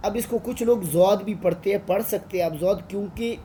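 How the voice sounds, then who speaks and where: A man's voice: high-pitched, fairly quick, mellow, a little hiss or hum. A man with a Pakistani Urdu accent, an online Quran tutor patiently teaching Arabic letters and drawing out each sound.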